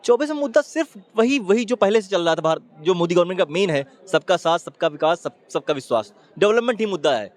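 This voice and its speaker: A man with a high voice makes his case in a street opinion interview. He talks fast and emphatically, piling point on point, and keeps urging the listener to look. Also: expressive. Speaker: interviewee giving public opinion.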